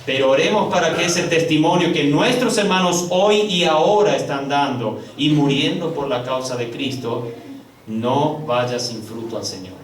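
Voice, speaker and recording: The pastor's voice echoes through a large hall, captured from a distance with a touch of hiss or hum. Speaking straight to the congregation as brothers, he alternates soaring high stresses with quiet low stretches and draws words out slowly in his sermon.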